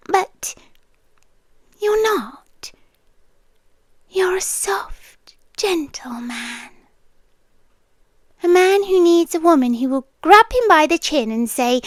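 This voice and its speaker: A clingy, obsessive young landlord girlfriend, played by a British woman, purrs in a whispered role-play. Her high voice moves slowly and often sinks into breathy whispers. The recording is close and bone-dry, with no room around her. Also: dry recording. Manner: intimate, slipping into breathy whispers. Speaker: ASMR roleplay performer.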